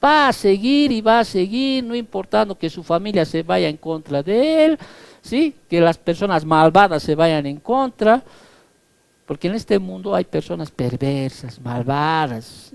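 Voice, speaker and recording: A man's voice: high voice, expressive, a little slow, gravelly, dry recording. A male pastor preaching a sermon emphatically, often tagging his points with rhetorical questions. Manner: emphatic, peppers lines with rhetorical "¿sí?"; acts out quoted voices.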